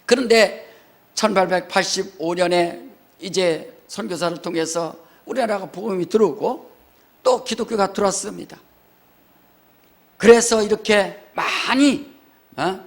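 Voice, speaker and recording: A man's voice: high voice, a little slow, a bit bright. An older man, a pastor, preaching a sermon in a church. He acts out mourning wails and keeps checking in with the congregation through rhetorical questions. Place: church sanctuary.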